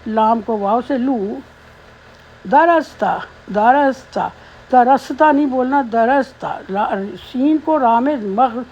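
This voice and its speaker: A woman teaching Quran recitation, patiently explaining pronunciation between slowly chanted verses. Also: fairly high pitch, a little mellow, dull audio. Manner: slow melodic chanting of verses, then patient spoken explanation. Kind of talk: tajweed lesson, recitation with explanation.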